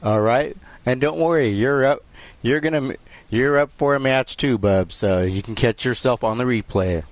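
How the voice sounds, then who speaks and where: A man of medium pitch hosts a live game stream at normal speed, chatting casually in a nasal, joking, self-deprecating manner. There's no echo, but his stream mic sounds dull and lo-fi with faint hiss.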